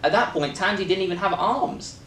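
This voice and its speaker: A British man talks in a loose, rambling way, joking and filling pauses as he goes. His voice sits a little high. He is recorded from some distance in a reverberant room with a faint hiss underneath. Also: lively intonation, fairly bright tone. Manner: rambling, jokey, many fillers. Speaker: filmmaker and co-host. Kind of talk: casual chat.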